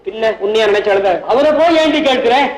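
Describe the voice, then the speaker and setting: An actor playing a weepy, whining young rich heir in an old film comedy, talking in a sing-song whine. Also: male voice, very high voice, fast, a crowd in the background. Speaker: comic lead, a weepy rich young heir called minor. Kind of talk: 1960s film comedy acting. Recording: echoey old film soundtrack.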